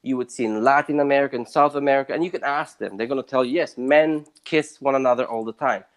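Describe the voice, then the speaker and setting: Fast and emphatic, the man from Southern Italy swings broadly in loudness and pitch while chatting as a guest in a casual interview.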